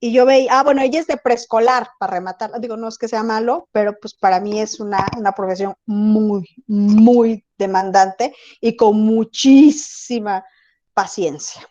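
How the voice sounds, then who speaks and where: A woman's voice: medium pitch, steady tone, normal speed, warm tone, muffled recording. A woman teaching an online class, chatty and often checking that her students follow. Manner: conversational, asks students if they follow. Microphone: video call.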